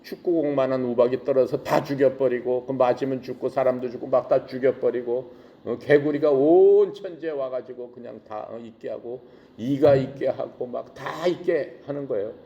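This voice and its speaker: A male preacher retelling a Bible story in a casual, animated way, full of rhetorical questions. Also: mid-range voice, moderate pace, muffled recording. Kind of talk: sermon.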